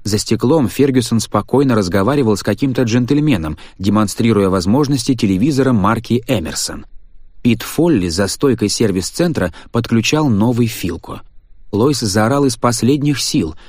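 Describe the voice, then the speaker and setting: A man reading a story aloud in a measured, tense narrating voice. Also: lowish voice, animated, a little mellow, no room sound, studio quality. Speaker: audiobook narrator. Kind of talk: scripted narration.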